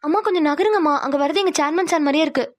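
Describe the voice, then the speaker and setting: A woman's voice: high voice, racing, no room sound, natural voice. A woman voicing a curious young woman in a cartoon who keeps questioning her mother. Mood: puzzled. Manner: persistent questioning. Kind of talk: cartoon voice acting.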